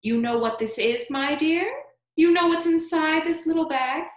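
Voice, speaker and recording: A woman voicing a mysterious tiny old man in a storybook, slow and creaky, coaxing with whispery insistence. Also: high voice, echoey room, pitched above the performer's own voice. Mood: coaxing, secretive.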